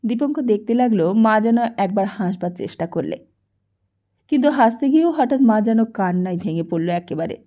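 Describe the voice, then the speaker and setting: A woman reading a novel aloud as an audiobook narrator with calm storytelling, in a dull lo-fi recording. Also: mid-range voice, fairly quick. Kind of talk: scripted narration.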